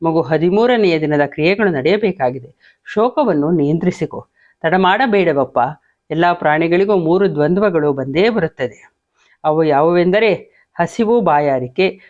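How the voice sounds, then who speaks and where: A man voicing an elderly royal sage who gives measured counsel, on a dull lo-fi recording. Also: a little high, expressive. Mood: counselling.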